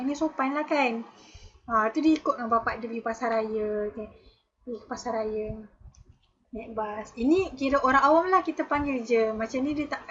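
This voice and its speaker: A woman with a Malaysian Malay accent teaches a lesson in a high, patient voice. She keeps checking in with "okay" and "ha" as she explains step by step. The recording is dull and lo-fi. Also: a bit bright. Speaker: special education teacher.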